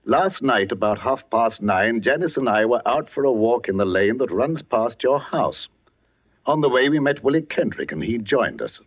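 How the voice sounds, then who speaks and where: An actor playing a worried village vicar and father in a 1940s radio drama, speaking with gentle authority and telling events earnestly. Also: mid-range voice, lively intonation, normal speed, dull audio, close to an everyday voice.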